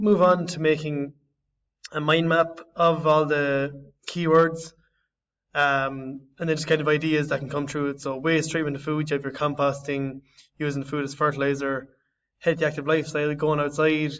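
A young man presents his design project, often pausing and restarting as he searches for words. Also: on the high side. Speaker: design student. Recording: slightly distant, dull lo-fi audio.

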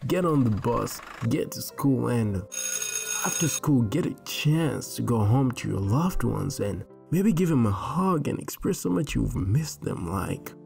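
Joking Tanzanian-born teen narrator. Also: male voice, mid-range voice, animated, unhurried, vocal fry, a little mellow, faint music behind. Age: teens. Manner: joking, slangy, casual. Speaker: animation storyteller. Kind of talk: scripted comedic narration.

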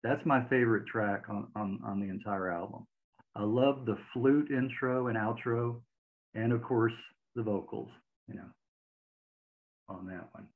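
This host's fairly low voice is unhurried and broken by long pauses as he conducts a video-call interview from his home room with record shelves. He asks friendly, hesitant questions, repeating words. Audio from the webcam mic is tinny and phone-like.

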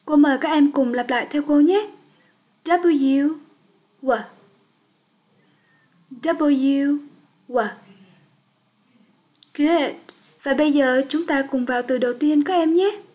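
A woman's voice: high-pitched, brisk, a little mellow. A woman teaching an English lesson for young children, speaking patiently and leading repetition drills.

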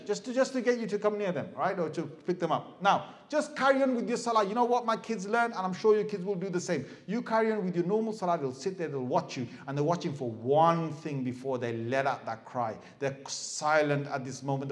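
Animated man preaching a sermon. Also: a little high, a little fast. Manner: animated, asks the crowd questions, mimics crying babies. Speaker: Islamic preacher. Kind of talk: lively sermon to a live audience.

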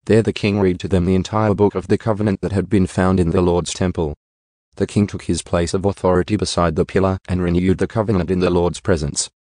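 A man giving a steady, measured scripture reading into a close studio mic. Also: sits low, no room sound. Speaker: Bible reader.

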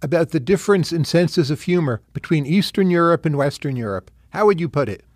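A man hosts an interview show, setting up each question with his own observations before asking it. His voice sits a little high for a man. The recording is very dry, with no room sound. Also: animated, a little fast, dry recording. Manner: curious, probing, lays out observations before asking. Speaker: podcast host.

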